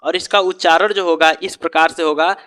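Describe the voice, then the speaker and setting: A man's voice: fairly high pitch, fairly even intonation, brisk, sharp tone, clear, resonant tone. A man teaching an exam-prep lesson, who asks rhetorical questions and answers them himself and keeps checking in with his students. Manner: stretches out the sounds he teaches.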